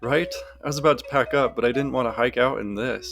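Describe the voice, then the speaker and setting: A man's voice: mid-range voice, quick pace, creaky, lightly acted. A man voicing a polite, slightly hesitant young woman in a story. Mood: friendly. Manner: polite and hesitant, soft fillers.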